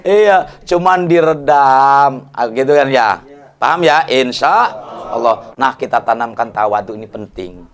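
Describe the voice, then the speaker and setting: A man's voice: mid-range voice, lively intonation, unhurried. A man preaching a casual study sermon, joking in slang and often asking the listeners to agree. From Indonesia. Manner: jokey, colloquial, asks audience for agreement. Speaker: Islamic preacher.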